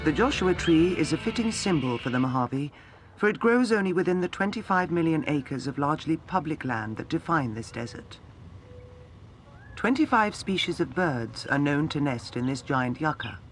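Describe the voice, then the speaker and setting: A man narrates a nature documentary with a measured, storytelling delivery. His voice sits a little high, and music plays clearly behind him. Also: animated. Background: background music.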